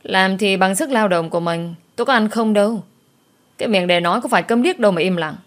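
A woman voicing a brash older village woman who talks loudly and mockingly. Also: mid-range voice, quick pace, lightly acted. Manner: loud, mocking.

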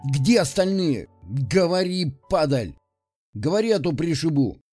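A furious senior army lieutenant barks rough threats in a raised, strained voice, as a man reading an audiobook puts him on. His tone stays mellow and dark despite the heat. It is a character voice in a spoken war story. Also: fairly high pitch, sing-song, normal speed, faint music behind.

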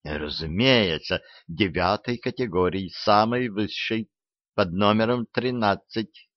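Guy doing a slimy smooth boss voice, low and slow, lo-fi. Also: animated, no room sound. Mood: ingratiating. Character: ingratiating male agency boss. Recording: dull lo-fi.

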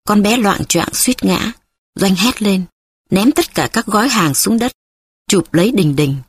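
A woman's voice: mid-range voice, lively intonation, measured pace, breathy edge, no room sound. A woman narrating a novel in a dramatic, emotive storytelling manner. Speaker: audiobook narrator.

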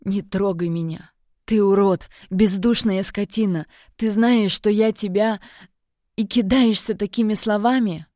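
A woman reading an audiobook, voicing a young woman in tears who shouts angry accusations. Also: mid-range voice, steady tone, moderate pace, few pauses, no room sound, clean studio sound, close to an everyday voice. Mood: furious.

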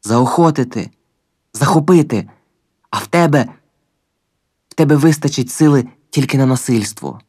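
A man voicing a stern, ghostly male guide with a dry, rough voice who talks calmly and insistently, in an audiobook reading. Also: mid-range voice, normal speed, long pauses, no echo, natural voice. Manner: calm, insistent, repeats himself.

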